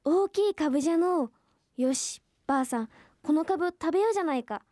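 A woman's voice: sits high, animated, a little fast, dark tone, dry recording, studio quality. A woman voicing a hearty old grandfather in a folk tale, using rustic old-man speech.

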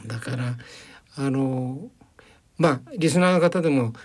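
A man's voice: mid-range voice, a little slow, a little mellow. A man as a guest journalist on a radio interview, telling anecdotes chattily and slipping into quoted voices and regional dialects. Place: radio studio.

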